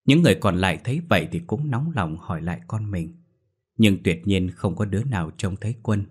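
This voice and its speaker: A man narrating a scripted horror story in a steady storytelling manner. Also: low voice, a little fast, slightly rough.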